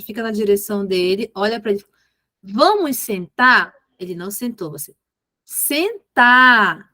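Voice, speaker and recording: A woman's voice: on the high side, fairly bright tone, dry recording. A woman, a mentor patiently explaining behavior management with examples. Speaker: ABA mentor.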